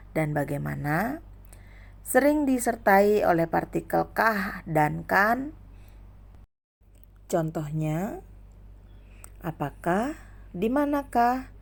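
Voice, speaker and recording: A woman's voice: lowish voice, vocal fry. A young adult woman teaching a grammar lesson, listing examples one by one.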